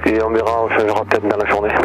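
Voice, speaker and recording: A man's voice: on the low side, completely flat delivery, rapid-fire, poor audio. A man giving airfield radio instructions, heard as a transmission over a pilot headset. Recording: aviation radio over loud engine drone.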